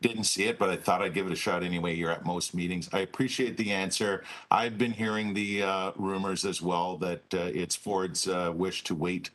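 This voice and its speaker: A man's voice: deep voice, steady tone, normal speed, hardly any pauses, fairly bright tone. A man serving as a city councillor who asks his question in a courteous, hesitant way, often repeating words. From Canada.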